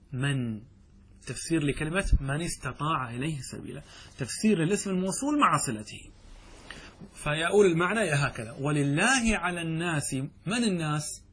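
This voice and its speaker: A man's voice: fairly high pitch, a bit bright, husky. A man teaching a lesson on Arabic grammar, reading the text aloud and explaining it step by step, often putting questions to the class and answering them himself.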